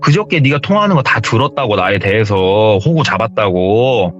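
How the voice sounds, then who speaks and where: A man's voice: on the low side, animated, normal speed, lightly acted. A man voicing a hot-tempered young male gangster's son who talks in a threatening, swaggering way. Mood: menacing. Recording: dull lo-fi audio with music.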